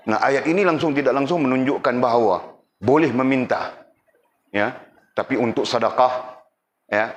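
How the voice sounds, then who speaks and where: Low-voiced man teaching a religious class. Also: a little hiss or hum. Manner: keeps checking the class understands, teasing jokes.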